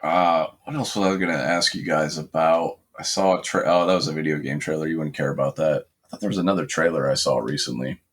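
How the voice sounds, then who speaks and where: A man's voice: very deep voice, fairly even intonation, quick pace, few pauses, slightly rough. A man co-hosting a podcast in casual chat, rambling with frequent restarts, fillers and swearing. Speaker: podcast co-host.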